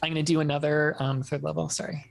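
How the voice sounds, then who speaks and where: A woman's voice: sits low, level tone, fast talker, vocal fry, faint music behind. A woman playing a tabletop role-playing game, chatting casually as one of the players.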